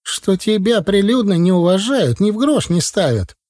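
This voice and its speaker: A man's voice: high-pitched, animated, moderate pace, darkish tone, dry recording, clean studio sound, pitched above the performer's own voice. A man reading an audiobook and voicing a meddling middle-aged mother who speaks with bitterness and reproach. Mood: reproachful.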